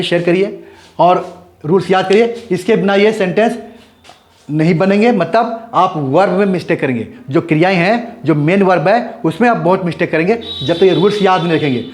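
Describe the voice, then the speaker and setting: A man teaching English grammar in Hindi, often asking his students whether the point is clear and switching between Hindi and English example sentences. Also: high-pitched. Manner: repeats questions to the class, checks with "clear?". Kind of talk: Hindi-language grammar lesson.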